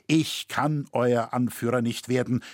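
A man voicing a proud, steadfast medieval master builder who speaks in firm, measured declamation. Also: medium pitch, fairly even intonation, no echo, studio quality, natural voice. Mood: calm, solemn.

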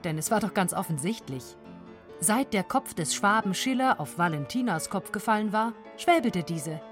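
A woman narrating a story in an expressive, lively storytelling voice. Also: medium pitch, moderate pace, soft background music.

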